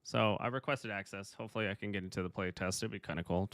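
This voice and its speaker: A man's voice: lowish voice, fast, fairly bright tone, dry recording, clean studio sound. A young man chiming in on a stream with offhand, laid-back casual banter.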